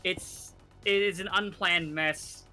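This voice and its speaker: A man's voice: high-pitched, steady tone, slow pace, bright, forceful tone, faint music behind. A man chatting casually as a fellow player, opinionated and sweary, often stumbling over his starts. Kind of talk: casual gameplay chat.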